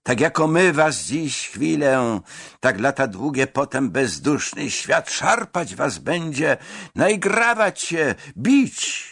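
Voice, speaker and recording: A man's voice: mid-range voice, sing-song, takes it slowly, fairly bright tone, husky, no room sound, studio quality, exaggerated voice. A man voicing a pompous, mustached official who lectures young men in a grand, preaching tone, for an audiobook.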